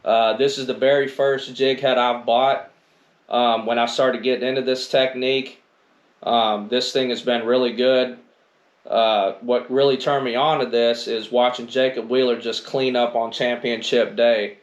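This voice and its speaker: A man's voice: medium pitch, flat delivery, a little slow, muffled recording. A middle-aged American man chatting casually and colloquially about gear, peppering his talk with "man" and "you know". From northern United States. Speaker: angler presenting gear. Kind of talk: casual chat. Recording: roomy echo, faint noise.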